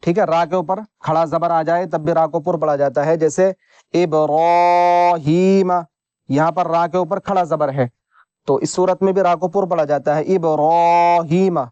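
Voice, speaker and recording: Patient male Quran teacher, spelling slowly. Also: fairly high pitch, steady tone, darkish tone, no echo, dull audio. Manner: patient, repeats each point, spells out letters slowly. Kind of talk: slow instructional lesson.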